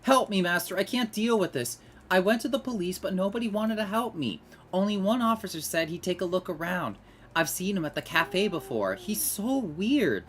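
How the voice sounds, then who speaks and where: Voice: mid-range voice, animated, moderate pace, a bit bright, pitched above the performer's own voice, close to an everyday voice. A gamer voicing a snobby young woman who dramatically pleads for help in a whiny tone. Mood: pleading.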